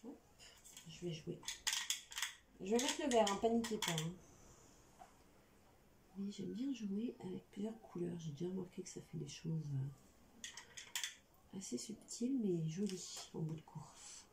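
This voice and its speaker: A woman's voice: fairly low pitch, animated, measured pace, vocal fry, pauses often. A woman with a slight lisp on her s sounds, chatting informally through a hands-on craft tutorial as its host. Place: indoor room at a craft table. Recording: echoey room, faint background noise.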